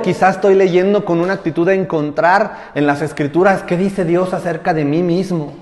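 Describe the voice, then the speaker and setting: A male pastor preaching a sermon, firing rhetorical questions with emphatic swells and hushed drops. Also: high voice. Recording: roomy hall with long reverb.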